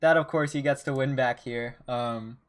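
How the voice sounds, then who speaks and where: A man hosting and commentating a gaming tournament stream in a relaxed, chatty way with many fillers. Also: mid-range voice, normal speed. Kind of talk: casual esports commentary.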